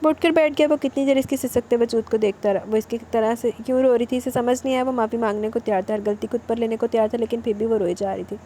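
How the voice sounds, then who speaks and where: A woman reads a romance novel aloud, narrating in a steady, plain way. Her voice sits a little high, with a mellow, soft tone. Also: hardly any pauses, slight background noise.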